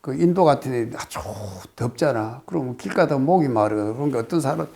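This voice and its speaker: An older man from Korea, a Buddhist monk, giving a casual spoken lecture on a classical text, reciting phrases and then explaining them with many pauses. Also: mid-range voice, lively intonation, vocal fry, darkish tone. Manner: explains slowly, reciting phrases then paraphrasing, with frequent hesitations.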